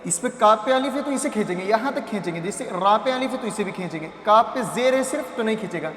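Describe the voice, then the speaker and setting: Slow-chanting Quran-primer teacher man in echoey room. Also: sits high, animated, a bit bright, a little hiss or hum. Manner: slow drawn-out chanting of syllables between quick explanations; asks and answers his own questions.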